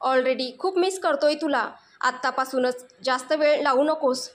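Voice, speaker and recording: A woman voicing a playful young man in love who speaks tenderly and slowly. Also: high voice.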